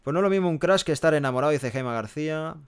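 Young man, from Barcelona, casual live-stream chat, headset mic, small room, smooth resonant voice, frank and talkative. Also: a little high, lively intonation, rapid-fire. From Barcelona, Spain. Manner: chatty, frank, tags sentences with "¿eh?" and "¿no?". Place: small room with a pale green wall, indoors. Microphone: headset microphone.

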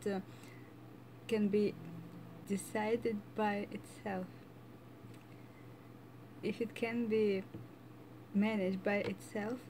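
A woman's voice: mid-range voice, warm tone, a little hiss or hum, low-quality recording. A woman with a Russian accent giving casual commentary, hesitant and thoughtful, with frequent fillers. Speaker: reaction channel host.

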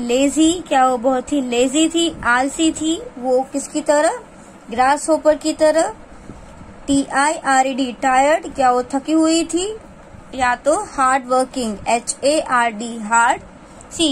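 A woman teacher reading an English lesson for children slowly, spelling words out letter by letter, switching between Hindi and English and asking questions. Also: high-pitched, a little hiss or hum, low-quality recording.

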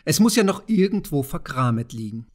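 A man voicing a bold, spirited young farmer's daughter who talks in a lively, pert way. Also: on the high side, brisk.

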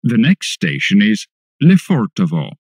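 Slow, swooping male subway announcer. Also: lowish voice, wildly swooping pitch, slightly rough, dry recording, clean studio sound. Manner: formal, deliberate station announcing. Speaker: English-language metro announcer.

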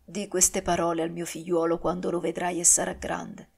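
A woman voicing a dying male duke who speaks softly and solemnly in an audiobook. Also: fairly low pitch, little pitch movement, normal speed, gravelly, slightly rough.

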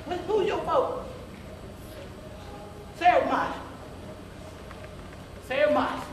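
Speaking extremely slowly in a high voice, a woman plays a tired, rambling old field-hand grandmother in an amateur gospel stage play, telling a story in a folksy, scolding drawl and calling listeners baby. She's on a church sanctuary stage in a mid-sized hall, recorded by a camera some metres away amid roomy acoustics and audience noise.

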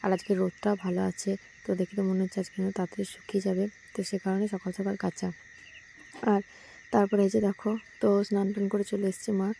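A woman's voice: medium pitch, level tone, fast talker, vocal fry, warm tone, slight background noise. A young woman narrating her daily vlog in a casual, chatty way, with many fillers, talking to her viewers as friends. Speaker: vlogger.

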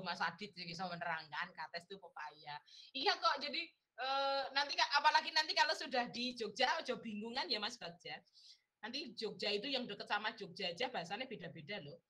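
A woman's voice: medium pitch, bright, forceful tone. A woman lecturer with a Javanese accent, chatting playfully with her students on a video call, laughing often and teasing. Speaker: university lecturer. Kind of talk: casual chat with students in an online class.

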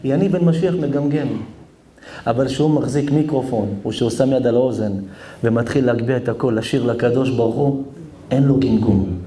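A man, a rabbi, giving a sermon, swinging between high shouts and low murmurs. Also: a little hiss or hum. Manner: acts out quoted prayers with expressive intonation. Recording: echoey hall.

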